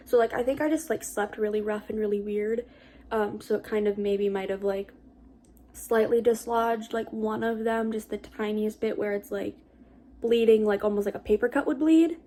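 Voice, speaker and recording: A woman's voice: mid-range voice, steady tone, normal speed, warm tone, slight background noise. A young adult woman giving a casual vlog update in an informal, rambling and hesitant way. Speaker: vlogger.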